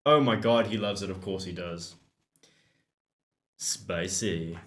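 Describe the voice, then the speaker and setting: A man's voice: lowish voice, a little fast. A man reading game dialog aloud and commenting on it as a let's play host, giggly and self-mocking, swearing casually.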